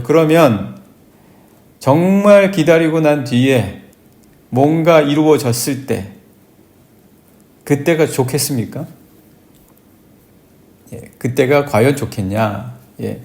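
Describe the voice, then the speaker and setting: A man, a pastor, giving an early morning prayer sermon in a calm, conversational way, often affirming himself with a soft "yes". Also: on the high side. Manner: reads scripture aloud and acts out plaintive prayers.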